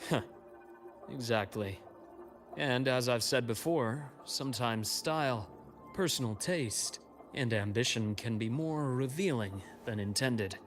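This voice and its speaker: An actor playing a calm, secretive male informant in a video game, delivering grave, deliberate exposition. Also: mid-range voice, faint music behind, lightly acted.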